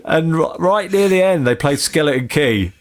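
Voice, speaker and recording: Casual British podcast host, chatty. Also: male voice, fairly high pitch, lively intonation, normal speed. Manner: chatty, swears freely, laughs through stories. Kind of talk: casual chat.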